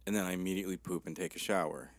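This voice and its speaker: A man in his thirties with a rough, tired-sounding voice, chatting as a podcast co-host in a laid-back, joking way. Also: sits low, steady tone, racing, dry recording. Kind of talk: casual chat.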